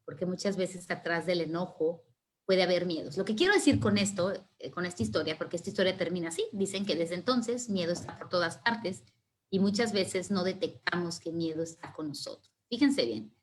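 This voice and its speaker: A middle-aged woman, a former kindergarten teacher, telling a story in a lively, conversational way. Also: fairly low pitch, a little fast. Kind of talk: storytelling talk.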